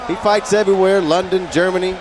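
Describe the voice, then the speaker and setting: A man's voice: high voice, steady tone, quick pace, noisy background. A man giving live play-by-play boxing commentary, running through fighters' records and rules. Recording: loud music behind commentary. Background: loud entrance music.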